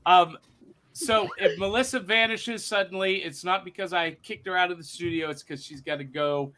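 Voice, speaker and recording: A man hosting a casual group chat in an excitable, rambling way. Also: high voice, moderate pace, slight background noise. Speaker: host.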